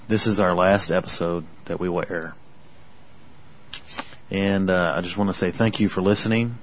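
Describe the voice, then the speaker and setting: Man, casual podcast co-host, fairly low voice, relaxed, muffled lo-fi audio. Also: normal speed, a little hiss or hum.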